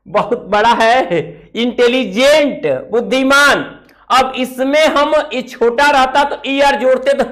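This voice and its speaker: Man, grammar teacher, unhurried, asks rhetorical questions, writes on a board. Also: very high-pitched, fairly bright tone, low-quality recording. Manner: explains step by step, repeats key words, asks rhetorical questions. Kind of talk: classroom lesson.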